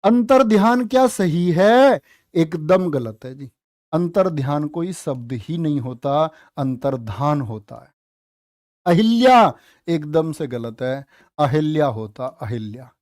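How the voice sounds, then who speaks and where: Playful, high-voiced male Hindi teacher. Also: lively intonation, a little mellow, no room sound, clean studio sound. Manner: playful, teasing, drawn-out spelling of words. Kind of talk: live online exam-prep class.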